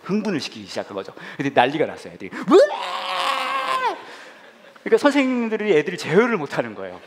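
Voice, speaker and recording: A man's voice: fairly high pitch, racing, very noisy. A man preaching as a pastor in a church hall, telling a humorous story and acting out the voices in it. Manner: animated, acts out voices in the story.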